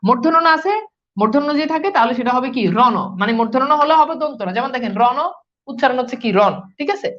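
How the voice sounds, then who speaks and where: Fast-talking high-voiced woman teacher. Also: fairly bright tone. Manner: asks questions and answers them herself; repeats key points. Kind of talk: live online class. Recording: dull lo-fi sound.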